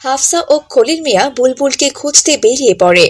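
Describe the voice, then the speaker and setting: A woman narrating a cartoon story in a calm, scripted storytelling manner. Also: sits high, brisk, slightly rough.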